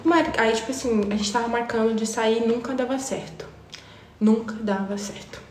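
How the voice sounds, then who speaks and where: A young woman, telling a story to her live stream viewers in an animated, slangy way. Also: a little high, normal speed, reverberant, a little hiss or hum. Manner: animated, slangy, addresses chat directly.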